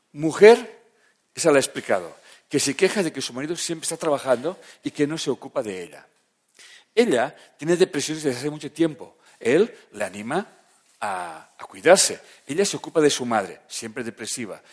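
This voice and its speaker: Here the therapist talks to his audience casually, frequently asking if they're with him. His delivery swings from soft, low stretches to loud, emphatic outbursts.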